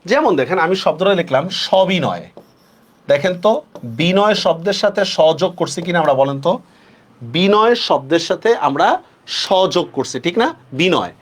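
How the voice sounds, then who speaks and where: Male tutor, fairly high and very animated, drills rules slowly and keeps asking the class questions. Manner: asks students frequent check-questions; stretches words slowly when stressing rules. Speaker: teacher. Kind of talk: online class lecture.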